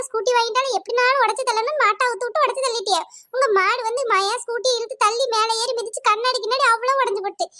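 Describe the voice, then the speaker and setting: A woman playing a shrill, indignant young villager. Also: pushed and bright. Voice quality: shrill, accusing. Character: indignant young village woman, angry over her new scooter.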